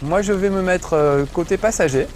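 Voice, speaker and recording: A man's voice: high voice, moderate pace, darkish tone, a little hiss or hum. A middle-aged man giving joking, chatty commentary while playing a video game, swearing casually. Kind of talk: gameplay commentary.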